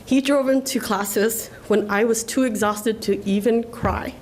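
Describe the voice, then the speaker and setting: Earnest emotional woman, higher voice. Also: fairly even intonation, measured pace, a little mellow, low-quality recording. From Laos. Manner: earnest, emotional, tearful at times. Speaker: award recipient giving acceptance speech. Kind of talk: emotional public acceptance speech. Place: government ceremony room.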